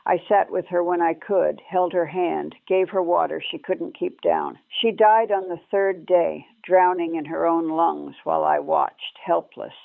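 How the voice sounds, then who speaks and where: A woman telling her memories of nursing in a somber, measured way, heard through an old lo-fi recording. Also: on the low side, fairly even intonation, gravelly, no room sound. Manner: somber, measured storytelling in short clauses. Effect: old lo-fi recording, tinny like archival radio. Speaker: former war nurse recounting memories. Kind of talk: first-person spoken memoir. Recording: tinny, dry old radio-style recording.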